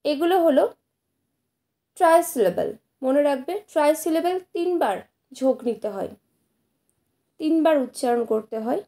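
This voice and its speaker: A woman teacher speaks in a high voice with a soft, mellow tone. She explains each point patiently to her students, repeating and slowly sounding out example words. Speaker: English teacher. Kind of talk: slow explanatory lesson to students.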